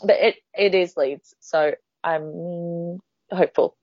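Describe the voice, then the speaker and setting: A woman's voice: fairly low pitch, steady tone, slow pace, a little mellow, no echo. A woman hosting a casual podcast, talking in a chatty way with frequent ums and restarts. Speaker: podcast host. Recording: dull, lo-fi dry sound.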